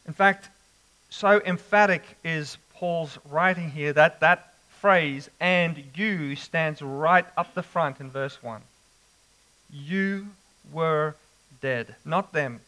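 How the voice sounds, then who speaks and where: Man, preacher, sermon, slightly high voice, bright tone, emphatic pauses. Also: poor audio. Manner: slow, emphatic delivery with dramatic pauses. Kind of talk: expository sermon.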